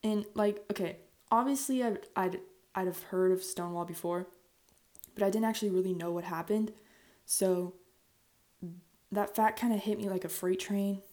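A woman's voice: medium pitch, fairly even intonation, normal speed, pauses often, mellow. A woman hosting a podcast, narrating history in a conversational, semi-scripted way with informal asides, recorded in a bathroom on an earphone mic. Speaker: podcast host. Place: small bathroom, indoors. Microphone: earphone headset microphone.

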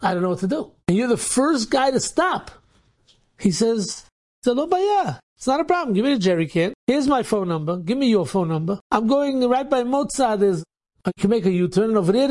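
A man, a rabbi, telling an inspirational story and acting out the dialogue with energy. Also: very high-pitched. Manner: animated, acts out dialogue in quotes.

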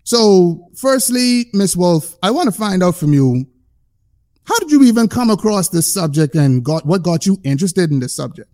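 A man hosts a casual podcast chat with a playful, animated delivery. His voice sits high for a man, and he stretches key words out for emphasis. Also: moderate pace. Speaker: podcast host.

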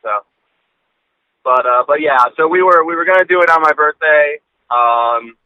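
A man in his late twenties, talking through his cell phone on speakerphone as a podcast co-host in casual, rambling chat with halting restarts and casual swearing. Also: fairly high pitch, clear, resonant tone, dry recording, phone-quality sound. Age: late 20s. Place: in a car.

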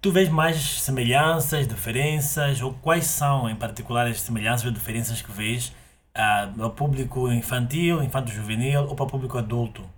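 A man hosting a guided meditation, in a soothing, unhurried and instructional way. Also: medium pitch, fairly even intonation. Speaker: host guiding a meditation.

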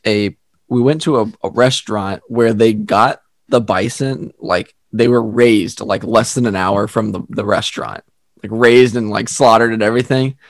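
A man's voice: lowish voice, moderate pace, dry recording, clean studio sound. A young man co-hosting a podcast, chatting casually and laughing often as he tells stories. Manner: laughs often, animated storytelling. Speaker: podcast co-host. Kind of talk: casual chat.

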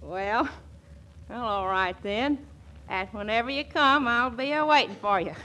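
A woman's voice: fairly high pitch, unhurried, bright, forceful tone. A woman playing a naive, eager, lovestruck young country woman with a rural American accent and gushing, folksy, hesitant talk in old-time comedy. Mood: shy, eager. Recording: noisy old comedy soundtrack.

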